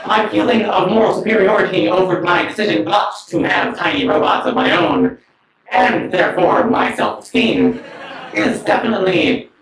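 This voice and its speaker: A man performing standup as a smug male comedy robot, with a deadpan, mock-mechanical delivery and snide asides. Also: sits high, vocal fry, slight background noise, full character voice. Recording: roomy sound from a distance.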